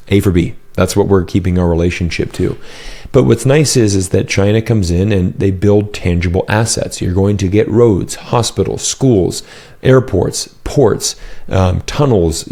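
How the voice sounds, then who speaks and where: This is a man from the United States, speaking as an interview guest in a fluent, explanatory way with plenty of "you know" fillers. His voice sits fairly low and sounds dark and mellow. He talks into a close boom mic in a home office. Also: creaky. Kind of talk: casual interview answers. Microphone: headset and boom mic.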